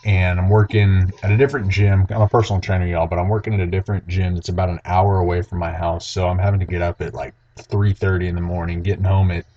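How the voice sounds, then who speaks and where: A man's voice: sits low, level tone, fast talker, few pauses. A young man co-hosting a sports podcast, rambling in a folksy way. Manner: rambling, folksy, says "y'all" a lot. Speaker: podcast co-host. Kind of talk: casual sports chat. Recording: dull lo-fi sound.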